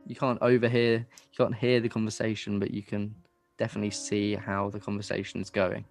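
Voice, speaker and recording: A man running a tabletop game, chatty and quick to laugh, dropping to a hush when the scene turns tense. His voice sits low, and faint guitar music plays underneath. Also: little pitch movement, creaky. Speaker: game master.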